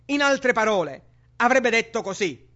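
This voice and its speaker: A man's voice: very high voice, animated, moderate pace, bright, forceful tone. A man preaching a sermon with emphatic rhetorical questions to the congregation. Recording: dull lo-fi sermon recording.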